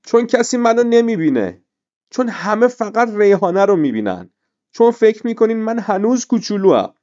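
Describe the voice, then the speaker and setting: A man voicing a young boy who feels overlooked, speaking in a high, tearful child's voice. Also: animated, a little mellow, lo-fi sound, natural voice. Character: young boy, hurt and feeling unseen.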